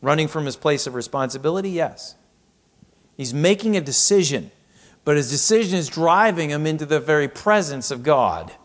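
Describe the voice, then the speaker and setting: A man's voice: on the high side, animated, moderate pace. Man preaching a sermon, reading scripture. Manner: reads scripture aloud, then reflects with rhetorical questions. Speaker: pastor.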